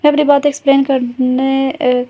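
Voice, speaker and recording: A stubborn young husband who stays calm and firm, as a woman narrator reads his lines. The voice stays high, level and mellow, with no push to sound male. The recording is dull and lo-fi. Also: moderate pace, natural voice. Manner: calm, firm, low-key pleading.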